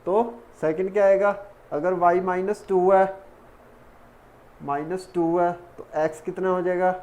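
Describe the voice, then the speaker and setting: A man's voice: high-pitched, fairly even intonation, unhurried, a little mellow. A man teaching a math lesson step by step, counting terms aloud as he works. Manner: talks while working, counts terms aloud. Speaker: math tutor.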